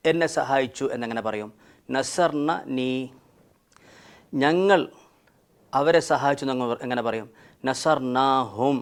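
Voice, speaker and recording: A man teaching Arabic grammar in a lesson, patiently explaining and reciting conjugations in drilled lists, mixing in English grammar terms. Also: medium pitch.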